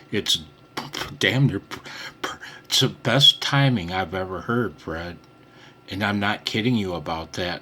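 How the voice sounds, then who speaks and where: Filming his own contact on a handheld phone, an amateur radio operator talks casually and excitedly to the camera in a salty, jokey, exclamatory way. His voice is low yet bright, with a forceful tone. A little hiss or hum is audible.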